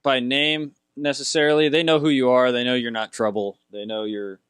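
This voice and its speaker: A man's voice: medium pitch, little pitch movement, moderate pace, fairly bright tone, smooth, dry recording. A young man narrating a tabletop game as game master, rambling and hesitant with fillers.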